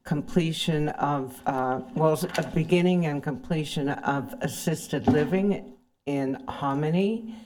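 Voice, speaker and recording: A woman giving formal remarks to a committee as a presenting board chair, polite and somewhat halting. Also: deep voice, a little mellow, rough recording.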